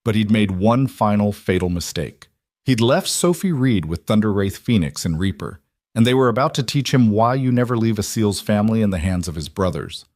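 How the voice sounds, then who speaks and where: Low-voiced man narrating a story. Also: animated, moderate pace, a little mellow, dry recording, clean studio sound.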